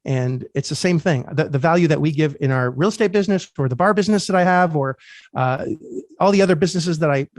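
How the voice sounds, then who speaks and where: A man's voice: a little high, quick pace, darkish tone, no room sound, studio quality. A man from Canada hosting a podcast, telling candid personal stories in casual chat and swearing freely. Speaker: podcast host.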